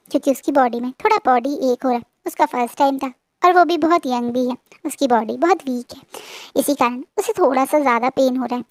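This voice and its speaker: Woman storyteller, high voice, chatty, hesitant, dry recording. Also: darkish tone, dry recording. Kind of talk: casual fan-fiction retelling.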